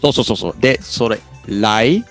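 A man runs a relaxed pronunciation lesson, modelling words slowly and cheering each attempt. His voice swings widely in pitch as he encourages, and soft music plays faintly underneath. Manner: lively, encouraging, laughs often. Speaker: English pronunciation teacher.

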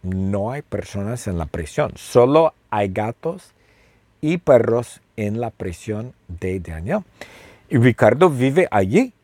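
Guy telling a slow silly story, repeats everything, voice jumps all over, kinda husky. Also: lowish voice, sing-song, mellow, no echo. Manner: repeats phrases and asks the listener questions; playful, with sound effects. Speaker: storyteller for language learners. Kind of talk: slow, simple storytelling with lots of repetition.

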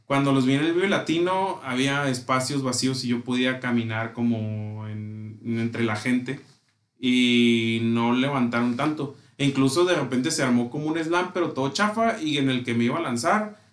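A man's voice: medium pitch, normal speed. Slangy Mexican man, echoey room. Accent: Mexican Spanish. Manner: enthusiastic, slangy storytelling. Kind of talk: casual chat.

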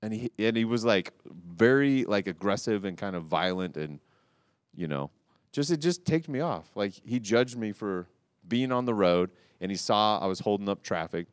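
A man on a casual talk show, telling a rambling story with restarts and loud quoted outbursts. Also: on the low side, normal speed, clean tone, no echo, clean studio sound. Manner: animated, rambling, restarts, quotes people loudly. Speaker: podcast co-host telling a cycling story.

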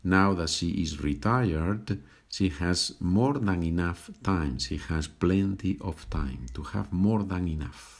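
A low, gravelly male voice with a husky edge takes a podcast lesson from his home. He speaks slowly and repeats each phrase before switching to English to explain it. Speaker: language teacher.

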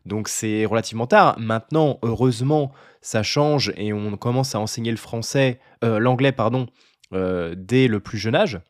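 A young French man giving a casual talk to camera about learning languages, often pausing on fillers and restarting his sentences. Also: medium pitch, no echo, clean studio sound. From France. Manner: hesitant, many fillers and restarts.

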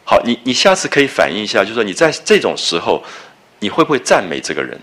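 Deep, lively male lecturer. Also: fast. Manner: conversational, repeats phrases, asks the audience rhetorical questions. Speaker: lecturer on a classic novel. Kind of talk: explanatory literature lecture.

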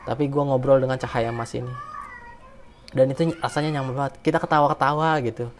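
A man's voice: mid-range voice, fairly even intonation, fast, slight background noise. A man tells a personal story in casual, slangy speech, emotional and rambling with many restarts.

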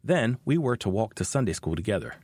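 Expressive man telling a faith story. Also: lowish voice, a little fast, breathy edge, dry recording. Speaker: podcast host.

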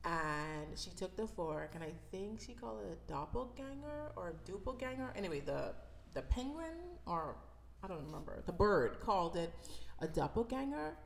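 With a mid-range, sing-song, creaky voice at a moderate pace, a podcast host in her thirties from the Bahamas shares personal stories. She's reflective and chatty, using fillers and laughing as she goes, and there's a little noise in the background.

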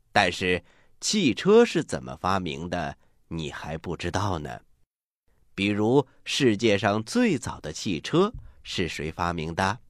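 A man hosting and narrating a children's story programme in an expressive, avuncular, scripted style. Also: lowish voice, no echo, clean studio sound.

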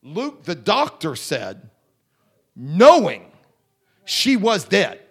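A man preaching a fervent holiness sermon, rhythmic and drawling, often clearing his throat. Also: sits high, huge pitch swings, extremely slow. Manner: fervent, rhythmic, drawling with repeated call-outs.

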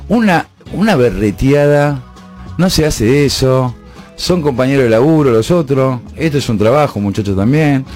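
A man's voice: medium pitch, animated, normal speed, darkish tone, soft background music. A man with a Rioplatense accent hosting late-night radio, opinionated and emphatic, repeating his points. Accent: Rioplatense Spanish. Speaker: radio host. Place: radio studio.

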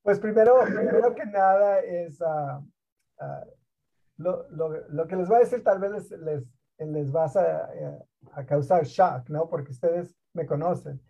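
High, gravelly man from Mexico. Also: a little slow. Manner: animated, emphatic storyteller who mixes in English words. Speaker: guest, school district program director. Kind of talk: conversational interview storytelling. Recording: dull lo-fi online call audio.

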